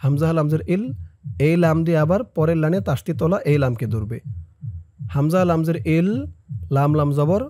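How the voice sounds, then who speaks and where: A man teaching Quran reading, chanting words slowly and explaining each letter rule in a lower voice. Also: dark tone, no echo, clean studio sound. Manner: recites verses in a chanting tone, then explains spelling rules in a lower, quicker voice. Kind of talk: slow step-by-step recitation lesson.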